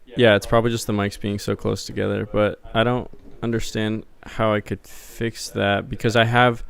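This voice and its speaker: A man's voice: on the low side, level tone, moderate pace, gravelly, clear, resonant tone. A man co-hosting a casual livestream, puzzled as he explains the audio setup. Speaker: podcast co-host running the stream tech.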